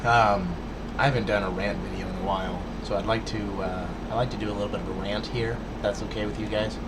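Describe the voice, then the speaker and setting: Over heavy background noise, a vlogger with a lowish voice rants fast and steadily to camera. Casual but earnest, he lectures his viewers directly, stuttering through many restarts and fillers.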